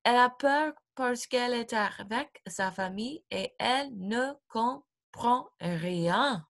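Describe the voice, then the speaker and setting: A woman teacher reading a graded storybook aloud for her class, slowly, clearly and expressively. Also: on the high side, expressive, fairly bright tone.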